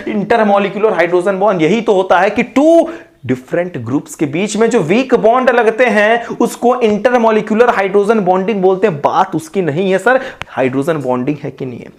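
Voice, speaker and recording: A man with an Indian accent teaching chemistry exam questions, asking questions in a student's voice and then answering them himself, in a rushed, repetitive way. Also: high-pitched. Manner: rushed, repetitive explaining with informal asides. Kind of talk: online exam-prep lesson.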